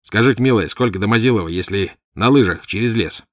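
A man voicing a commanding, impatient merchant who shouts orders. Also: lowish voice, fast, dry recording, studio quality, voice pushed up, natural voice. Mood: urgent. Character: commanding middle-aged merchant, loud and impatient.

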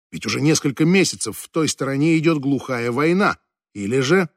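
Man narrating fantasy, dry and measured. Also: medium pitch, no room sound. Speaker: audiobook narrator.

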